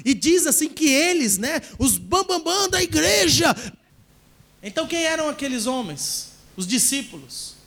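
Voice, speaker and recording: A man preaching a sermon in church, his voice sitting unusually high. He leads the congregation in call-and-response and rises to shouting at the peaks. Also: very animated, unhurried. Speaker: pastor.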